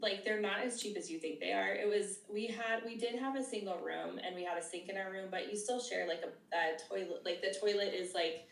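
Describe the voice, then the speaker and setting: A woman's voice: mid-range voice, fairly quick, creaky, hardly any pauses, distant mic. A woman around fifty, a podcast co-host telling stories in casual chat and laughing often. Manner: chatty storyteller, laughs often. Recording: echoey room, off-mic.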